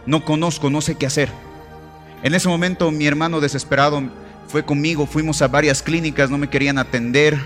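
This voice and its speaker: A man's voice: on the high side, fairly even intonation, a little fast, a bit bright. A man preaching a sermon, impassioned and exhorting, calling the congregation family, with faint music behind. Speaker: pastor.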